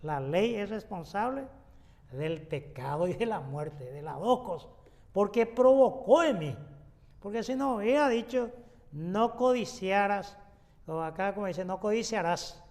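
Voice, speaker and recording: A man's voice: sits high, lively intonation, unhurried, darkish tone, long reverb tail. A man, a pastor giving an exegetical Bible lesson, explaining unhurriedly with frequent fillers and restarts. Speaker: pastor teaching a Bible study.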